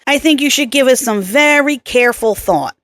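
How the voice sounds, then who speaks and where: A woman narrator voicing a gruff older male psychiatrist with a nasal New York accent, blunt and wisecracking. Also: sits high, normal speed, fairly bright tone, no room sound, voice pushed up. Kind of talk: audiobook character voicing.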